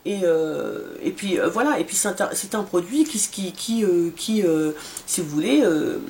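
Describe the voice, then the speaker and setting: A woman's voice: on the low side, lively intonation, measured pace, a little mellow. Hesitant woman in her forties reviewing skincare. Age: 40s. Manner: hesitant, many fillers and restarts. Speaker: beauty vlogger. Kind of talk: casual product review.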